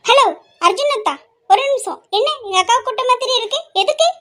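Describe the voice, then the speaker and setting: A cheeky teenage girl, as a woman voices her, bickering with her sister and teasing with playful threats. The voice is squeaky-high and piercingly bright. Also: brisk. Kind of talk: amateur audio drama acting.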